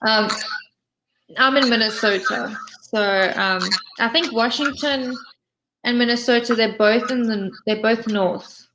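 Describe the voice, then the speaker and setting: Talking unhurriedly in a slightly high voice, a South African-accented English tutor keeps a video call friendly and casual, peppering her conversation practice with follow-up questions. Background noise can be heard.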